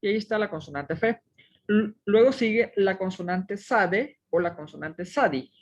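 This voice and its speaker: A woman's voice: mid-range voice, expressive, moderate pace, dull audio. A woman teaching a Hebrew reading lesson, methodically sounding out each syllable step by step.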